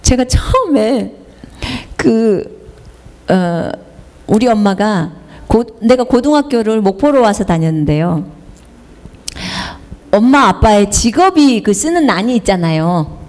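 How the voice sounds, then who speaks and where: A woman's voice: medium pitch, expressive, slow, pauses often, darkish tone. A middle-aged woman missionary with a Jeolla accent, preaching a sermon in a chatty way, telling personal stories and asking the congregation questions. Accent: Jeolla Korean. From South Jeolla, Korea. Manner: chatty, asks the congregation questions, slips into dialect.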